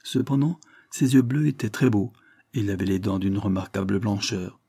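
A man reading a classic novel aloud in measured first-person narration. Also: on the low side, steady tone, mellow, slightly rough. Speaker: audiobook reader.

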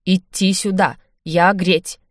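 A creaking skeleton butler speaks in stiff, clipped fragments, his voice pitched low and scraping, as a woman reading a storybook puts him on. The sound is close and dry, with no room around it. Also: fairly even intonation, takes it slowly, dry recording. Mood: creaky, formal. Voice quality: creaky, terse broken phrases. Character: creaky old male skeleton butler, stiff, broken speech.

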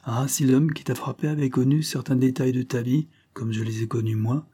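A man gives voice to a grieving figure, once accused of a killing, who speaks in heartfelt, tearful tones. The voice is mellow and husky, sorrowful rather than loud. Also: medium pitch, normal speed, natural voice. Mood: mournful. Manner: heartfelt, mournful, tearful pleading. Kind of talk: audiobook reading of a novel.

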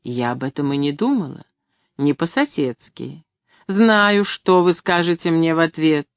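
Storybook: teasing gallant gentleman, as a woman reader plays him, playful, dry close mic. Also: sits low, lively intonation, unhurried, dry recording.

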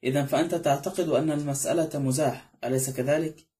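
A man reads an old judge in an audiobook, dry and probing as he questions the others. The voice is dark and mellow, close to the narrator's own. He keeps a quick pace. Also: a little high, steady tone, lightly acted.

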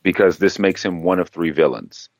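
Very deep-voiced man in casual chat. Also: moderate pace, lo-fi sound. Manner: rambling, self-correcting, laughs easily. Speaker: podcast co-host. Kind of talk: casual chat about comics news.

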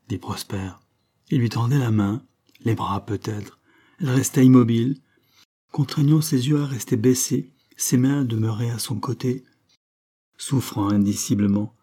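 A man narrating a classic novel as an audiobook reader, in a measured literary reading. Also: medium pitch, warm tone, husky. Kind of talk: scripted narration.

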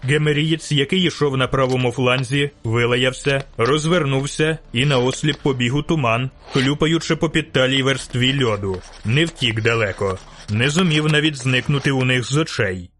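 A man narrating an audiobook in a slow, deliberate storytelling manner. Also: mid-range voice, fairly bright tone, a little hiss or hum. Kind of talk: scripted narration.

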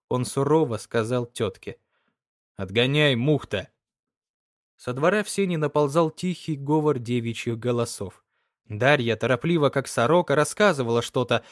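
A man narrating a literary story in an even, unhurried reading voice. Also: mid-range voice, no echo, studio quality. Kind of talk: audiobook narration.

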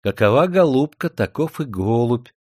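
A man's voice: mid-range voice, lively intonation, normal speed, darkish tone, breathy edge, no room sound, studio quality, voice pushed up. A man reading a storybook, voicing a bold, cheerful young village girl who speaks in a lilting, teasing way. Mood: playful. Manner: lilting, playful.

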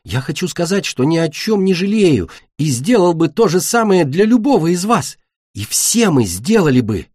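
A man's voice: a little high, very animated, normal speed, a little mellow, husky, no echo, studio quality, voice pushed up. A man voicing a loyal, good-natured young male earth dragon who talks indignantly.

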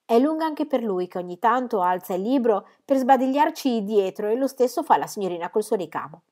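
Gentle bored girl, soft, thoughtful, chatty, woman reader voicing her. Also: fairly high pitch, expressive, fairly quick, voice pushed up, lightly acted.

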